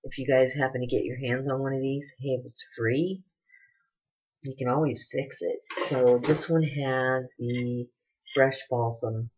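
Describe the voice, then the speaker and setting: Her voice is rumbling low, husky and darkish, with a steady tone and measured pace. This beauty vlogger in her forties gushes and rambles through a casual product haul in her living room. A webcam at desk distance captures dull, lo-fi audio with noise.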